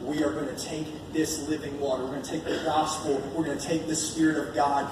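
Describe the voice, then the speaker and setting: A fairly high-voiced American preacher delivers a colloquial evangelistic sermon, level in tone and brisk, leaning on repeated phrases for emphasis. He's at a live church gathering in a large room, picked up from a distance. The audio echoes heavily and is noisy.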